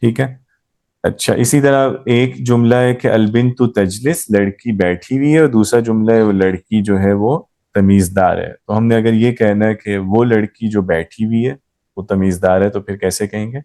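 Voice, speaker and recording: A man's voice: on the low side, normal speed, dark tone. A man teaching a grammar class, explaining patiently and quizzing his students as he goes. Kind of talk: live class lesson.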